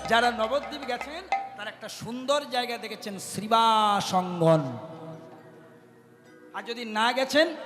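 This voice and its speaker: A man's voice: extremely high pitch, bright, forceful tone. A man giving a devotional kirtan sermon who keeps turning to the audience with questions. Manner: addresses the audience directly with questions. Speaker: kirtan singer and preacher. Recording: long hall reverb with music.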